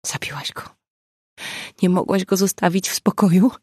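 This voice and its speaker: Brief: narrator voicing a weak, grieving young woman, hushed whisper, dry and close. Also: medium pitch, normal speed, breathy edge, no room sound, natural voice. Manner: faint whispering.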